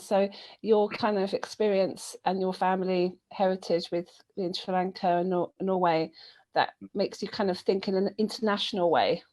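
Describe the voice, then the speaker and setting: A woman's voice: mid-range voice, darkish tone, rough recording. A woman hosting a webinar interview, asking questions in a hesitant way with frequent ums and uhs. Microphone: webinar video call.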